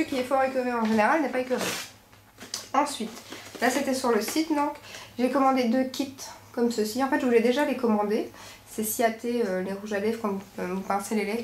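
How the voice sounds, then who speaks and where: A woman's voice: fairly high pitch, darkish tone. A woman with a Belgian French accent chatting casually as a beauty vlogger showing a shopping haul, rambling informally and correcting herself as she goes. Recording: echoey room with faint background noise.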